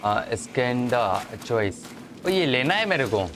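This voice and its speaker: Talking slowly but very animatedly in a mid-range voice, this gamer narrates his play in a casual, chatty way. He addresses his audience and taunts enemies alike, with game music beneath him and noise in the background.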